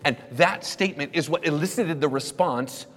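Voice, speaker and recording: A male pastor delivers a sermon with a steady, measured cadence, slowing down to stress key words. His voice carries a long reverb from a large hall. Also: a little high. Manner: measured preaching, slows for emphasis, dramatizes quoted questions.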